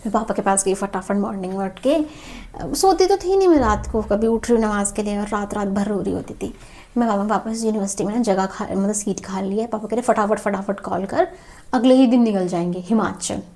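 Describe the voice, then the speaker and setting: A woman's voice: medium pitch, fairly quick, dark tone. A young woman in her twenties telling a personal story in a candid, emotional vlog, rambling with many restarts. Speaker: vlogger.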